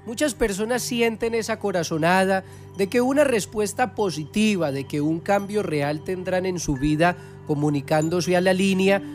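A man hosting a radio infomercial for a spiritual phone line, spelling out numbers slowly. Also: high-pitched. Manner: slow, repeats phone numbers digit by digit. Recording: music bed behind.

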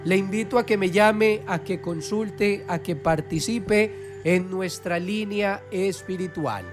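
A man hosting a radio infomercial for a spiritual phone line, spelling out numbers slowly. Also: high voice. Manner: slow, repeats phone numbers digit by digit. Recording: music bed behind.

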